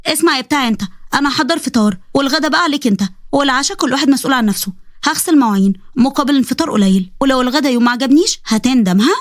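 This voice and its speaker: A feisty young woman with an Egyptian accent, voiced by a woman in a storybook. She snaps out bossy retorts in a rather high voice at great speed. The sound is dry. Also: lively intonation, racing, dry recording. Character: sharp-tongued young woman, feisty college student.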